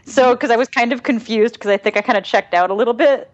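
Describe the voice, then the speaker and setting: A woman co-hosting a casual chat podcast, asking unhurried questions. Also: a little high, dull audio. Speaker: podcast co-host.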